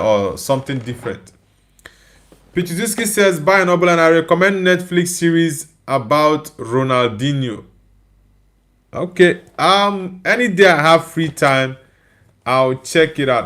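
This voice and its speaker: The voice is a little high with a fairly bright tone. It belongs to a weary Nigerian-accented livestream host, an Igbo first-language speaker, who casually reads out his viewers' comments and responds to each.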